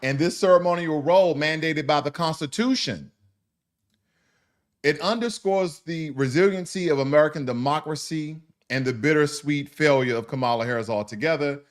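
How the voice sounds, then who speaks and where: A man hosting casual news commentary. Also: a little high. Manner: informal, mixes scripted news with blunt asides and swearing; mocking, laughs at his subject.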